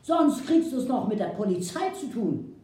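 A woman voicing a furious, sharp-tongued older woman, scolding shrilly, recorded far from the mic in an echoey room. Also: very animated, moderate pace, close to an everyday voice. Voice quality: shrill, scolding, dialect-tinged.

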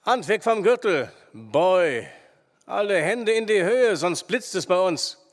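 A man playing a calm, commanding frontier hero. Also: a little high, voice pushed up. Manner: calm, measured, quietly superior. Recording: long hall reverb.

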